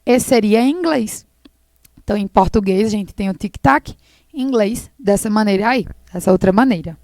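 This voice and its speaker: A woman English teacher explaining slowly and patiently, repeating words for her students in a recorded lesson. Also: medium pitch, a little mellow, no echo.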